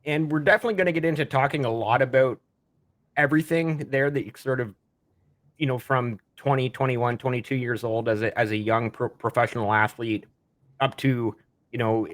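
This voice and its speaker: A man's voice: medium pitch, steady tone, fairly quick, a bit bright. A Canadian man hosting a podcast, asking eager, rambling questions of his guest. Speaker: podcast host. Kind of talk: podcast interview.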